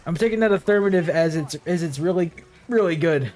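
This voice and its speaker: Rambling, swearing young gamer with hiccups. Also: male voice, on the high side, brisk, darkish tone. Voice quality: rambling and profane, full of fillers. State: has hiccups. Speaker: gaming video creator. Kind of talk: casual gameplay commentary.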